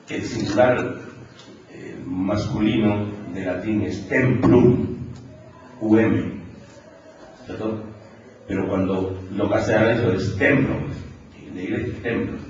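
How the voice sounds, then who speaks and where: A man's voice: fairly low pitch, a little mellow, slight background noise. A man with a Peruvian accent giving a university conference lecture, explaining step by step and often checking in with the audience. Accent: Peruvian Spanish. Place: large lecture hall. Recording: echoey hall, far off, dull lo-fi.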